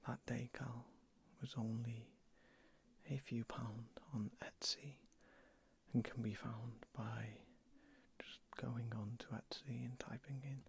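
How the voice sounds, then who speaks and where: An ASMR creator whispering softly and close to the ear while showing and talking about items. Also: mid-range voice, steady tone, slow pace, gravelly, breathy edge. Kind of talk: whispered ASMR show-and-tell. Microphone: close stereo ASMR microphones.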